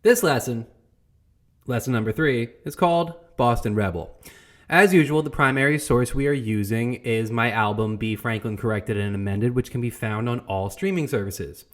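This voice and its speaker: A man's voice: medium pitch, moderate pace, natural voice. Guy playing young founding father as a teacher, joking around, asks lots of questions. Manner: wry, playful, questioning. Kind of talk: comedic history lesson.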